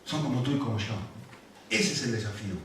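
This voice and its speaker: A man's voice: medium pitch, fast, a bit bright, a little hiss or hum. A male pastor preaching in a conversational, emphatic way, asking his listeners rhetorical questions. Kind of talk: sermon. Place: church hall. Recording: very echoey hall from far off.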